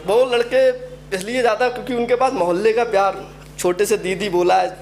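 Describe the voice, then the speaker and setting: High-voiced young man doing stand-up. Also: fairly even intonation, brisk. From Uttar Pradesh, India. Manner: storytelling, acts out quoted characters. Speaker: stand-up comedian. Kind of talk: stand-up comedy set. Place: open mic event venue.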